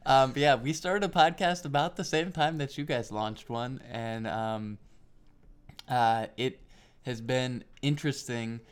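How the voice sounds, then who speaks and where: A man's voice: medium pitch, unhurried, smooth. A man chatting easygoingly as a podcast guest, often laughing. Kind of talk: casual chat.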